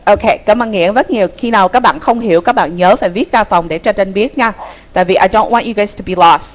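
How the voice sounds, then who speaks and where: A young woman teaches pronunciation. Her pitch sits in the middle range. She speaks patiently, repeats each rule and keeps asking "okay?" to check that everyone is following. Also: fast, rough recording. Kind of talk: online classroom explanation.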